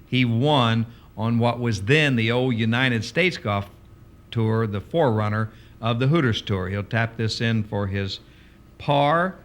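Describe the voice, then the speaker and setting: A man's voice: medium pitch, a little slow. A man working as a golf commentator, giving conversational, chatty analysis of play with some hesitation.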